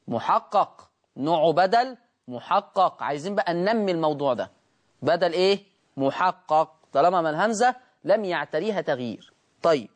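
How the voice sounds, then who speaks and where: An Egyptian Arabic-accented man leads a Tajweed recitation lesson. He keeps firing questions at the class and answering them himself. He drags out example words slowly to show how they should be pronounced. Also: sits high. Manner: asks and answers his own questions, drawn-out demonstrations. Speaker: Quran recitation teacher.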